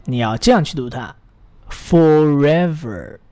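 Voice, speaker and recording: A man's voice: a little high, animated, a little mellow. Encouraging male English teacher. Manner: models phrases slowly, then pauses for the listener to repeat; encouraging, praises the learner often. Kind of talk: English pronunciation drill lesson.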